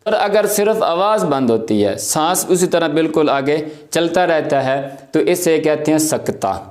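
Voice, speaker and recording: A man's voice: fairly high pitch, lively intonation, a little mellow. A man teaching a Quran recitation lesson, explaining patiently with everyday examples. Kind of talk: tajweed lesson.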